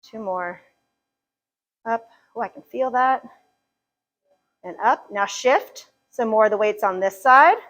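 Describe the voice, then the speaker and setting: A woman's voice: on the high side, slow, pauses often, fairly bright tone, rough recording. A woman leading a live chair yoga class, upbeat and joking as she counts reps, a little out of breath at times. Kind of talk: live fitness class instruction.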